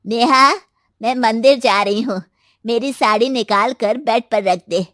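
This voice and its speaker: A demanding older mother-in-law acted by a woman in a cartoon family drama, bossy and drawling. The voice is very high and slow, with a dry close sound. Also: fairly bright tone, no room sound. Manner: drawling, commanding.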